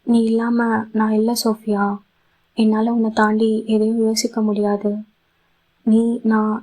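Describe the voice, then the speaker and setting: A woman voicing a loving young husband in a romantic audio story, gentle and coaxing. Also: mid-range voice, rough recording.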